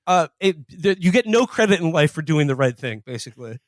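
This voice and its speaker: A man cracks wry, crude jokes on a podcast. His voice is on the high side, and the sound is dry and close. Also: expressive, a little fast, dry recording. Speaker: podcast co-host. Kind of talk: casual chat.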